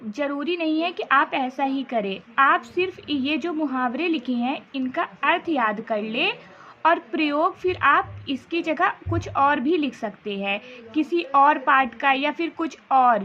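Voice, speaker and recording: A woman teacher with a high voice walks young pupils through a lesson at a slow, deliberate pace. She repeats points and sounds out syllables one by one. The recording is dull and lo-fi. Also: fairly bright tone. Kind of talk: explaining a school lesson.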